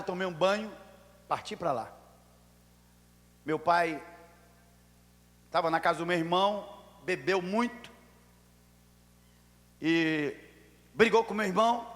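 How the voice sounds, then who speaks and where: A Brazilian pastor preaching in a church, his high-pitched voice carrying a long reverb through the hall. He tells his story dramatically, sinking to near whispers and then bursting into shouts. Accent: Brazilian Portuguese. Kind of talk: sermon.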